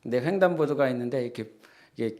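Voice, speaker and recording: A man's voice: mid-range voice, animated, fast talker, a little mellow. A man preaching a church sermon in an easy, conversational way, now and then acting out quoted lines in a raised voice. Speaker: pastor.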